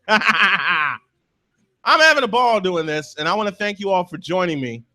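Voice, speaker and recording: Man, morning sports show host, animated and higher-pitched. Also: moderate pace. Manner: excitable, chatty, fumbling with his setup. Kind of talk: live sports talk show with sponsor reads.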